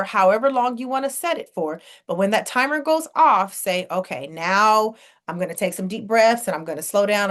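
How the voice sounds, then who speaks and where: A woman therapist talking through practical tools for depression in a conversational way, acting out what clients and friends might say. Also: medium pitch. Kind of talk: podcast teaching on mental health.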